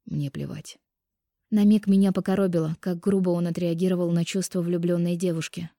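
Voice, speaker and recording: A woman reading a first-person romance audiobook in an expressive, intimate way on a close microphone. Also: lowish voice, fast, no room sound. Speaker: audiobook narrator.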